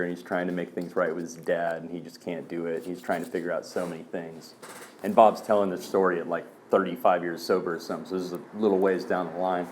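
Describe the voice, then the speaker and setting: A man's voice: sits low, a little mellow, a little hiss or hum. A man speaking at a recovery meeting, telling stories in a loose, casual way, with lots of "um" and "man". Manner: loose storyteller, fillers like "man" and "um". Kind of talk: casual personal talk.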